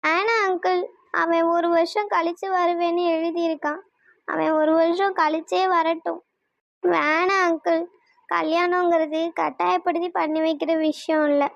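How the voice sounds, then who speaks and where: A woman's voice: very high voice, little pitch movement, a little slow, gravelly, no room sound, lo-fi sound, full character voice. A woman voicing a heartbroken young woman in a cartoon, talking in a tearful, pleading way.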